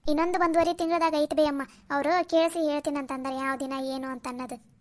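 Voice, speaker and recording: A proud, spirited village mother, voiced by a woman with a North Karnataka Kannada accent, talking animatedly and boastfully. The voice is high. It fits a cartoon village story. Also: little pitch movement, quick pace, a little mellow, close to an everyday voice. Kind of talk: cartoon voice acting.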